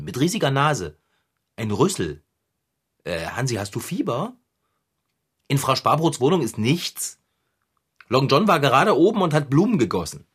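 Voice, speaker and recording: An actor playing a good-natured, harried man who lives with a talking cat, in a children's audio play; chatty and easily puzzled, with a husky voice. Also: mid-range voice, fairly bright tone, heavily acted.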